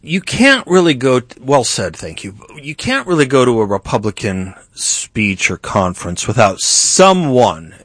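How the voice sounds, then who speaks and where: A man's voice: mid-range voice, very animated, unhurried, few pauses, a bit bright, no echo. A middle-aged man hosting a political talk show, speaking emphatically and rising to indignant outbursts. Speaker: host.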